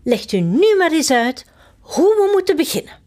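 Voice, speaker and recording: A woman's voice: sing-song, moderate pace, a little mellow. A woman reading a storybook aloud and voicing a cheerful, giggling queen who wants to quarrel. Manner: very high, gleeful and giggling.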